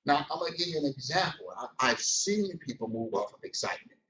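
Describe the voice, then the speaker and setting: Animated, storytelling male business trainer. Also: medium pitch, brisk. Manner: colloquial storytelling, animated, acts out scenes. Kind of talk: motivational training talk. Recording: echoey room, distant, dull.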